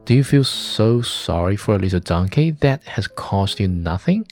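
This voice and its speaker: A blunt, practical old farmer from a storybook reading, as a man reads him, speaking in a low, dark voice. He talks plainly and without fuss, and a little music sits faintly in the background. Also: expressive, moderate pace, natural voice.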